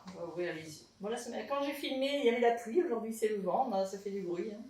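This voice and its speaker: A woman's voice: mid-range voice, animated, fast talker, darkish tone, recorded from a distance, slight background noise. A woman teaching a pilates class at home, chatty and encouraging as she guides the moves. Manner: chatty and encouraging, tags lines with "hein". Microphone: camera in front of her. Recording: echoey room, voice from afar.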